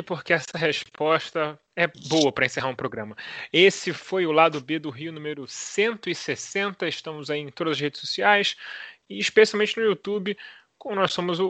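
A man hosts a podcast and closes the episode in an upbeat, promotional way. His voice is bright and a bit high, with a dry, close sound. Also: no room sound. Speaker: podcast host. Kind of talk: podcast sign-off.

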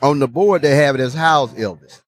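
A man's voice: medium pitch, moderate pace, dry recording. Chatty male podcast host at a brewery. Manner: repeats words and phrases, restarts often. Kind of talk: casual chat. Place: outdoor brewery event.

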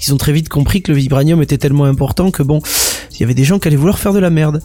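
Man, higher-set voice, gravelly and hoarse, mellow, halting casual explainer, podcast co-host. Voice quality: hoarse, raspy voice. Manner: hesitant, repeats words as they go.

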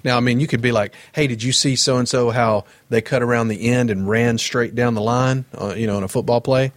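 A man's voice: medium pitch, fairly even intonation, fairly quick, dry recording. A middle-aged man co-hosting a casual podcast, talking earnestly and thoughtfully. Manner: earnest, thoughtful, some restarts. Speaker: podcast co-host. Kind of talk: casual chat.

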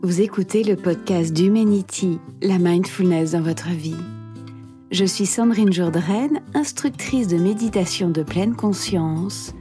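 Mellow woman hosting a mindfulness podcast. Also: lowish voice. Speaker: podcast host, meditation instructor and coach. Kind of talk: scripted podcast introduction.

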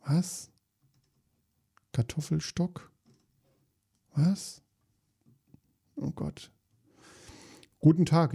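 A man's voice: fairly high pitch, dark tone. A man hosting a podcast, reading jokes aloud in a dry, weary, self-mocking way, with asides between them.

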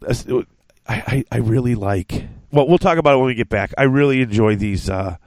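Male podcast host, stuffy from a cold, halting and rambling, dry recording. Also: mid-range voice, darkish tone, dry recording. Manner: rambling, halting, many restarts. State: congested from a cold. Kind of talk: casual podcast chat.

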